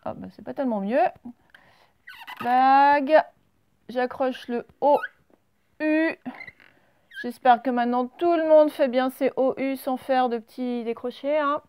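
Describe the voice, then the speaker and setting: A high, slightly mellow woman's voice with a clear, resonant tone, recorded dry. She is a primary school teacher at the blackboard, slowly and patiently dictating joined-up handwriting to her pupils one step at a time in a recorded lesson.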